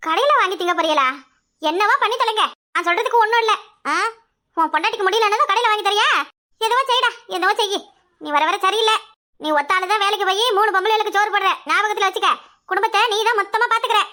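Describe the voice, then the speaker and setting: A woman's voice: extremely high pitch, fast talker, pushed and bright. A woman voicing a scolding, sarcastic village mother-in-law in a cartoon, with a Kanyakumari Tamil accent. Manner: nagging, sarcastic. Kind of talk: cartoon comedy acting.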